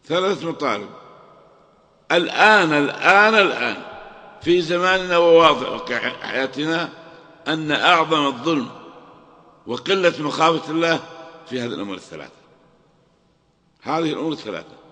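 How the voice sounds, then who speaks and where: A man's voice: on the high side, animated, a little fast, pauses often, sharp tone. A man preaching a sermon in a large mosque, repeating phrases, asking rhetorical questions and chanting Quran verses. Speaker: preacher giving a Ramadan lecture. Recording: long echo of a large mosque.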